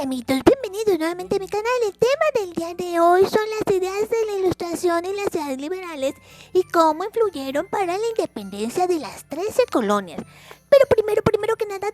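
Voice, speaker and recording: A woman's voice: very high-pitched, a little mellow. A woman hosting a simple history lesson for children in a sing-song, chatty way, repeating words for emphasis. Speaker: educational video channel host.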